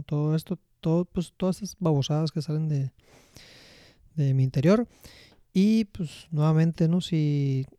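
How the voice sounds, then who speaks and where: Mexican male podcast host, mellow voice. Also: fairly high pitch, dry recording. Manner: relaxed, slangy, many fillers. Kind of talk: casual conversational interview.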